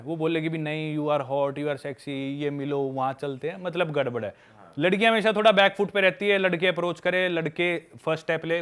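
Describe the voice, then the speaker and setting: Smooth-voiced young man telling travel stories. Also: a little high, fairly bright tone. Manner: candid storytelling, calls listeners "bhai". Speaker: podcast guest sharing travel stories. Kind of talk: casual podcast chat.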